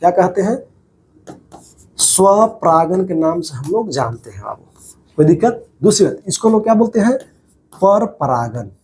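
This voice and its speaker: A man's voice: high-pitched, sing-song, moderate pace, pauses often, darkish tone, slight background noise. A man teaching a biology class over diagrams, repeating each key term as a question to his students and calling them "babu".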